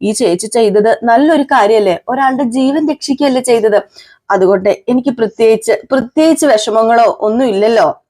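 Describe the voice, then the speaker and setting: A woman's voice: fairly high pitch, moderate pace, dark tone, lightly acted. Woman doing a brave young hospital patient. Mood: reassuring. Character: brave young woman in a hospital bed, comforting her family.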